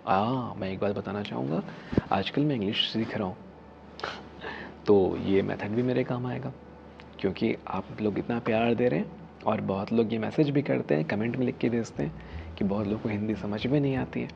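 Speaking at a normal speed, a video-hosting healer in his thirties earnestly walks viewers through a method in a low, creaky voice, stressing key phrases and sometimes whispering. The studio set features a dark curtain and a statue, and the lo-fi audio carries a little hiss or hum.

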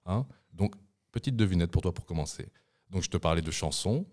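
A young man co-hosts a casual studio podcast, joking around and breaking into snatches of song. His low, darkish voice is animated and fairly quick, with a playful manner.

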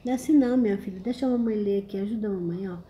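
A woman with a Brazilian Portuguese accent hosts a casual livestream, reading comments, greeting viewers, and teasing them in a chatty, exclamatory style. Her mid-range voice is mellow and rapid-fire, with a little hiss or hum.

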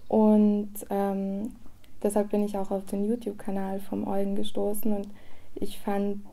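Chatty young woman, flat gravelly voice. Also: medium pitch, measured pace. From South Tyrol, Italy. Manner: chatty, upbeat, laughs between phrases. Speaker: retreat participant. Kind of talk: casual spoken introduction.

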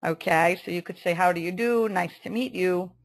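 A woman teaching an online English lesson, saying vocabulary slowly and carefully and saying "okay" often. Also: fairly low pitch. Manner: slow, careful pronunciation drills with many "okay"s.

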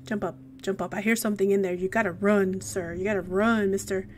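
A woman's voice: mid-range voice, steady tone, brisk, slight background noise. A young woman giving casual gameplay commentary, talking to the game characters in a jumpy, giggly way. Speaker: let's play gamer.

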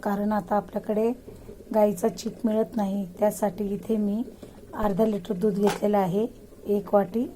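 Woman calmly demonstrating a home recipe. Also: mid-range voice, slight background noise, low-quality recording. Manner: calm step-by-step instructions to viewers. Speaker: cooking channel host. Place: home kitchen.

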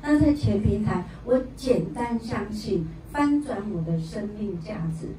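A woman giving an energetic sales talk at a seminar, her voice booming with heavy echo in a large hall. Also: measured pace, noisy background. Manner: energetic, prompts the crowd for replies. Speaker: seminar speaker. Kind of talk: motivational sales talk to an audience. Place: large event hall indoors. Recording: booming echo in a big hall, mic far off.

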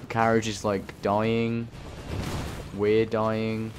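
A man's voice: lowish voice, completely flat delivery, drawn-out words. A man hosting a let's play, rambling and swearing through his gameplay commentary. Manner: swearing, rambling, self-talking. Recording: voice under game noise.

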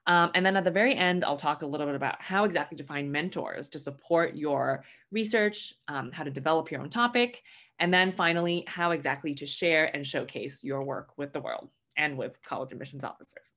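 A woman's voice: sits low, brisk, fairly bright tone. A young woman from Hong Kong presenting an online webinar lecture, friendly and full of "um" fillers. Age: young adult. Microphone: webcam mic at home, video call.

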